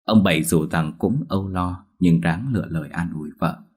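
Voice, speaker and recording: A man narrating a ghost story in a slow, somber storytelling manner. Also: low-pitched, a little mellow, slightly rough.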